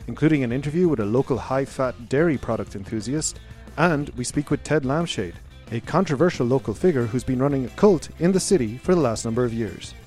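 A man's voice: medium pitch, expressive, brisk, hardly any pauses, darkish tone, soft background music, lightly acted. A man playing a polite, earnest local interview show host, speaking a little hesitantly in a mock radio interview. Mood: upbeat, presenting.

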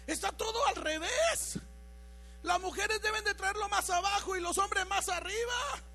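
Woman, fervent sermon, gravelly edge, slow pace. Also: very high-pitched. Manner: fervent, swells to shouting. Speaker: preacher.

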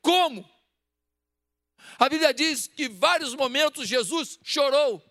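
Very high-voiced Brazilian preacher. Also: male voice, expressive, slow pace, pushed and bright, dry recording, clean studio sound. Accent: Brazilian Portuguese. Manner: emphatic, fires off rhetorical questions. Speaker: pastor. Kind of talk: sermon.

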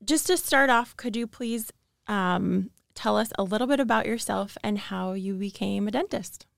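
A woman's voice: mid-range voice, moderate pace, creaky, dry recording. A woman hosting a city podcast interview in a studio, polite and well-prepared. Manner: polite, scripted opening. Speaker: podcast host, public information officer.

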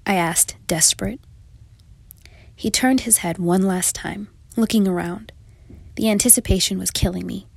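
A woman's voice: medium pitch, normal speed, creaky, long pauses, slightly rough, no room sound. A young adult woman reading her own first-person story in a reflective, confessional manner. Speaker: narrator. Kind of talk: first-person memoir narration.

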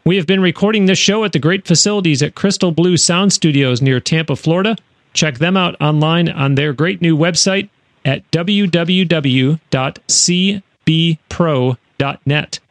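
A man hosts a radio interview show and closes the episode in a chatty way, with frequent fillers and restarts. His voice sits a little high for a man. It was recorded dry and close in a studio. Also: normal speed, dry recording.

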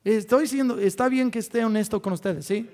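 Brief: male pastor, high voice, candid self-deprecating sermon storyteller. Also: a little fast, darkish tone. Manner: candid, self-mocking storytelling with quoted prayers.

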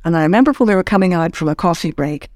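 An older woman from Ireland, a former ombudsman, recounting her career in an interview with measured, halting phrasing and many restarts. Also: fairly low pitch, animated, darkish tone, no echo, clean studio sound. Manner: measured, searching for words with frequent restarts. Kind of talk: reflective interview storytelling.

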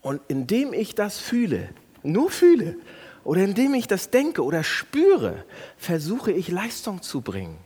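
A man preaching a sermon with a husky, fairly high voice that swings widely in pitch. He addresses the congregation directly and acts out self-righteous inner voices. His voice carries a long reverb from the hall. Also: huge pitch swings, measured pace, darkish tone. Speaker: pastor.

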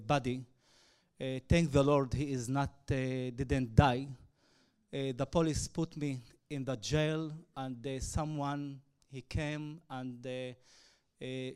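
An evangelist from Israel whose native language is Arabic shares his personal testimony in halting, hesitant English packed with fillers. His medium-pitched voice is smooth and a little mellow.

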